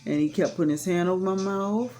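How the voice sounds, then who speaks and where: A woman's voice: lowish voice, brisk, dark tone, slight background noise. A woman telling a personal story in a casual, rambling way, frank and matter-of-fact, with many fillers. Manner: rambling, full of "you know" fillers; frank and matter-of-fact about hard events.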